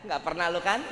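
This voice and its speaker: A man with a Betawi accent preaching a humorous sermon to a gathering, teasing and joking with the audience. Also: high-pitched. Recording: echoey hall with faint background noise.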